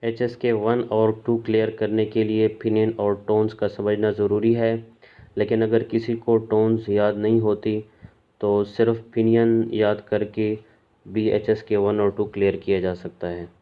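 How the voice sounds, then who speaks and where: A man teaching a language lesson in a calm, measured way, clearly spelling out each sound. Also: on the low side, lo-fi sound. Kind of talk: slow explanatory lesson.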